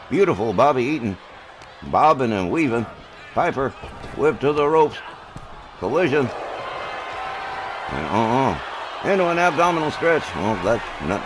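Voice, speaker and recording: A clearly noisy recording carries a man working as a wrestling commentator. His voice sits at a medium pitch. He calls the action move by move in short, clipped phrases, punctuated with exclamations.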